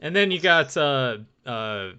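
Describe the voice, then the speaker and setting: Bright, crisp-voiced man joking around. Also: on the high side, expressive, slow pace. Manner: loose and jokey, swears freely. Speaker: podcast co-host. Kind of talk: casual chat.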